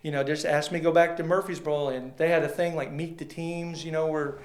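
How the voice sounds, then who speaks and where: A man's voice: on the high side, steady tone, fairly quick, a little mellow. A man, a sports photographer guest telling rambling, folksy stories and acting out quoted dialogue. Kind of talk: casual storytelling interview. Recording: roomy echo.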